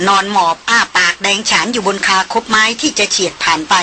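Bright-voiced woman narrating a novel. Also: mid-range voice, a little hiss or hum. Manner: measured, descriptive reading. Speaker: audiobook narrator.

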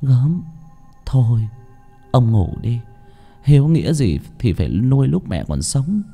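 A man's voice: medium pitch, big pitch swings, fairly quick, creaky, warm tone, faint music behind, voice pushed up. A man voicing a blunt, nagging village wife in a scolding manner. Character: sharp-tongued village wife, grumbling and blunt.

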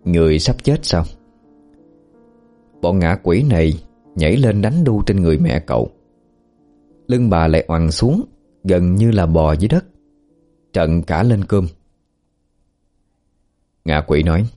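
A man narrating a horror story in a slow, grave storytelling manner. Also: low voice, animated, mellow. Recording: faint background music.

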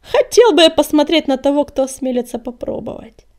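Snarling huge male warrior cat, as a woman puts him on, arrogant, vengeful, loud threats, storybook. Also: fairly high pitch, lively intonation, normal speed. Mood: scornful threat.

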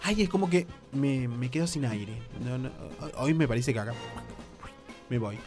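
A man's voice: medium pitch, animated, normal speed, darkish tone, faint music behind. Camp, theatrical Rioplatense man. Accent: Rioplatense Spanish. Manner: camp, theatrical, swoops up into squeals. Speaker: radio comedy host. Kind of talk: comic dating-advice role-play.

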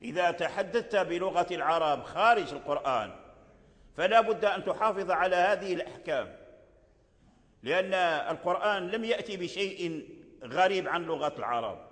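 A man's voice: sits high, lively intonation, brisk, fairly bright tone. An older man from Morocco teaching Quran recitation rules. He explains patiently, repeats key phrases and chants short examples. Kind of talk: religious lesson on tajweed. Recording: long hall reverb.

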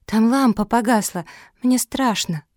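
A woman voicing the youngest puppy sister, a small excitable girl who is eager and easily frightened, in a storybook reading. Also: on the high side, a little slow, no echo, studio quality, pitched above the performer's own voice, lightly acted. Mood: scared.

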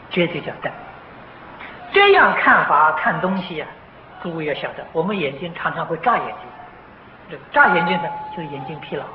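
An older man giving a slow, patient lecture on a Buddhist sutra, filling pauses with drawn-out "ah" sounds and clearing his throat now and then. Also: on the high side. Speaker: Buddhist teacher. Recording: dull, roomy, noisy old tape of a lecture hall.

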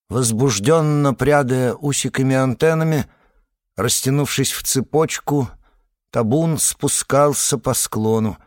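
Guy reading an audiobook, mid-pitched, really dry close sound. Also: no echo. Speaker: audiobook narrator. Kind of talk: scripted narration.

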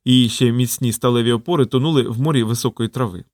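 Male narrator, mid pitch, dry studio sound, even storytelling. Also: quick pace, dry recording. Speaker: audiobook reader. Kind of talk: scripted narration.

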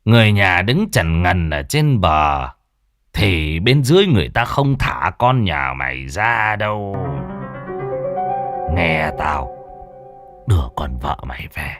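A man voicing a stern elderly village elder who barks gruff orders in a hoarse, husky voice. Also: low voice, sing-song, slow pace, a bit bright, soft background music, exaggerated voice.

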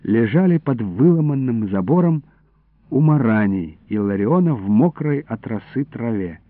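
A man reading a story aloud for radio in a lively, animated storytelling manner. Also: mid-range voice, normal speed, dry recording. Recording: tinny lo-fi radio recording, dry.

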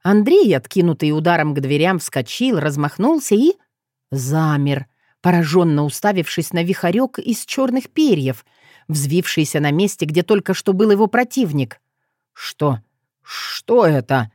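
Woman reading a story out loud, lively, low-ish voice, dry close mic. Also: moderate pace, no room sound. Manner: expressive reading with voiced dialogue. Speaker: audiobook narrator. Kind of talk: scripted narration.

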